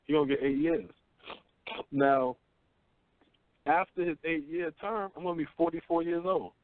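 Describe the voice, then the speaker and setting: On a casual call-in radio show, a male host in his thirties preaches bluntly and with profanity, often asking "you know what I'm saying." His voice sits on the high side with fairly even intonation and normal speed, with no echo despite the tinny phone-line sound.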